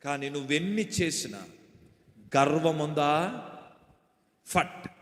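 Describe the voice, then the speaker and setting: A man preaching a sermon as pastor with a Telugu accent, leading the congregation in call-and-response and shouting refrains. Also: fairly high pitch, slow pace. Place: church hall or meeting. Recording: echoey hall reverb.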